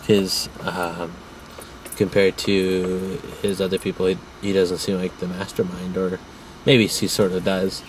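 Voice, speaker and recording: A man's voice: low voice, little pitch movement, measured pace, distant mic, a little hiss or hum, rough recording. An easygoing man chatting casually about a film, teasing his co-host. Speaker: movie reviewer, asks questions. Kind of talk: casual chat.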